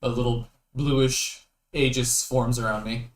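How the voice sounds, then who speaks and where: A man's voice: medium pitch, little pitch movement, measured pace. A man at a tabletop game narrating his character's actions in the first person. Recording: echoey room with faint hiss.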